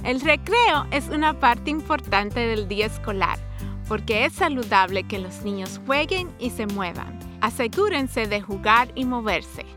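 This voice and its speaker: Friendly woman teacher giving a kids' tip. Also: on the high side. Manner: friendly, instructive. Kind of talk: scripted tip for children. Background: music.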